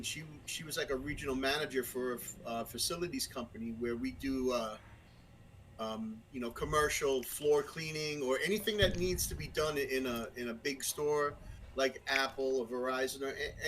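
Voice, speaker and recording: A man's voice: mid-range voice, fairly even intonation, moderate pace, fairly bright tone, slight background noise, rough recording. Rambling Brooklyn-accented man. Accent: Brooklyn New York. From Brooklyn, New York. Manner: rambling with many fillers and restarts; frank, crass. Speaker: podcast guest. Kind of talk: casual conversation.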